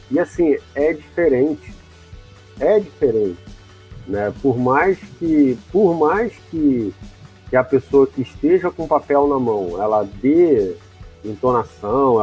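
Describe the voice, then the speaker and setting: A man's voice: mid-range voice, darkish tone, breathy edge, rough recording. A man hosting an interview, talking hesitantly and often adding tag questions. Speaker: interview host. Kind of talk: casual interview.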